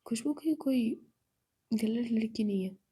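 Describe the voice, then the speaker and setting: A woman voicing a quiet young woman who speaks softly and agreeably. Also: a little high, measured pace, slightly rough. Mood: subdued.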